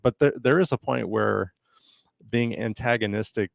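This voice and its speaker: A man with an American accent answering as a guest in a casual radio interview, haltingly and often repeating his words. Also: mid-range voice, gravelly, dry recording, clean studio sound. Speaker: interview guest, county development director. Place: radio studio.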